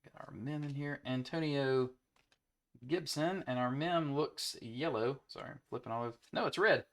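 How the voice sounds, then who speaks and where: A man's voice: medium pitch, moderate pace, fairly bright tone. Easygoing man rattling off card pulls. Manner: easygoing, rattles off player names between chat. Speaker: card break host. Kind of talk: casual chat while opening card packs.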